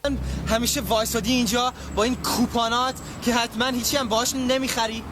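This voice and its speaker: Worn-out, exasperated businessman, voiced by a man, very high-pitched, on a loud city street. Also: flat delivery, noisy background. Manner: weary, exasperated. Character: tired, stressed male businessman in a suit.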